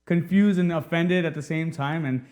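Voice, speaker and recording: A young man hosts a laid-back interview show and keeps it playful, laughing often and joking with his guest. His voice sits a little high for a man. He is from Texas. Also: steady tone, normal speed, darkish tone. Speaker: host. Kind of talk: casual interview chat.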